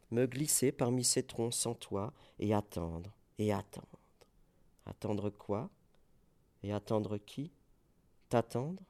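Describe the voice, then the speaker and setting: A man in his forties giving a dramatic poetry recitation, theatrical, moving between hushed murmurs and sudden cries. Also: fairly low pitch. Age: 40s.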